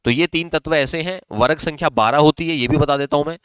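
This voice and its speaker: Man teaching chemistry, smooth dry voice. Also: fairly high pitch, fast talker, a bit bright, no room sound. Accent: Rajasthani Hindi. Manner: explains step by step, asks and answers his own questions. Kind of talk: exam-prep chemistry lesson.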